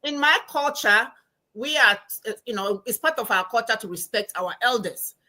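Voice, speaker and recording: A woman from Ghana with a Ghanaian accent, a guest telling stories in an animated, emphatic way in a casual podcast interview over a call. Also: a little high, moderate pace. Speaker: guest, anthropology professor and financial coach.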